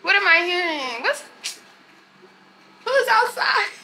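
Speaking in a very high voice and taking her time, a young adult travel vlogger addresses viewers casually from her hotel room and balcony at night beside a city street. It's filmed on a phone at arm's length, with slight background noise, and she's animated and talkative.

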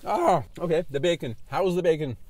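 A man chatting casually while reviewing fast food in his car, animated and laughing often. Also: sits high, a crowd in the background. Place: in a parked car.

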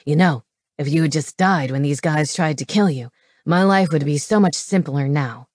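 A man's voice: on the high side, moderate pace, dry recording, studio quality, voice pushed down, natural voice. A woman voicing a cold, scornful older male werewolf villain in an audiobook. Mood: sneering. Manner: sneering, cold. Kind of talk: audiobook character voice.

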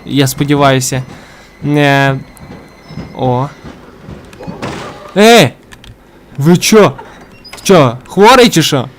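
A man plays a horror game while commentating in a let's play, jumpy, swearing constantly, and yelping when startled. His fairly high voice draws out words and leaves long pauses, with a little hiss or hum in the background.

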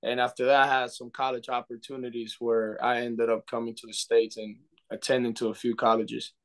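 A man's voice: medium pitch, little pitch movement, a little fast, fairly bright tone. A young man from the Dominican Republic with a Dominican Spanish accent, a baseball coach talking earnestly on a video call, often restarting and saying "you know". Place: indoor room. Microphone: webcam on video call.

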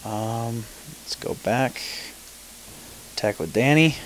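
A man's voice: mid-range voice, slow, slight background noise, rough recording. A man giving casual gameplay commentary, thinking aloud, mumbling and swearing now and then. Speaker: let's play gamer.

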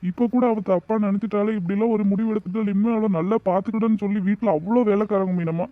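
Brief: man voicing a wronged young husband in a cartoon, high-pitched and rapid, complaining. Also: steady tone, dry recording, narrow, tinny audio, natural voice. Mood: aggrieved. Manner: complaining, aggrieved, rhetorical questions. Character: exasperated young husband, wronged and self-pitying.

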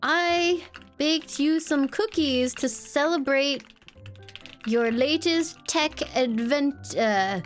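A woman voicing a frail, apologetic old woman in a video game, speaking slowly and haltingly with drawn-out words. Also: sits high, faint music behind. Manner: slow, halting, drawn-out delivery. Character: frail, confused, pleading old woman, secretly a vampire. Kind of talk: in-character role-play in a video game.

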